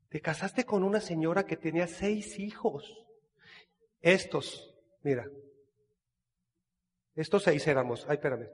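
A man from Mexico with a Mexican accent, telling his life story in a casual, animated way and acting out the dialogue. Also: sits high, in a large hall. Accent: Mexican Spanish. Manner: animated storyteller who acts out dialogue, with frequent restarts. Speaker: business speaker sharing his life story.

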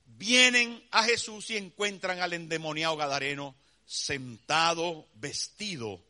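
A man's voice: a little high, measured pace. A man preaching a sermon, telling scenes dramatically and calling his listeners "brother" with many rhetorical questions. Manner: dramatic storytelling, acts out scenes with shouts.

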